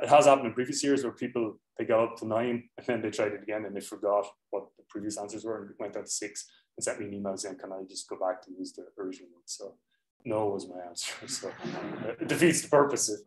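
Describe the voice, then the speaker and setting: In an echoey lecture hall, a young man delivers an informal university lecture, chatting and correcting himself as he goes. His voice is lowish and a little mellow, picked up by a laptop mic sitting on the desk.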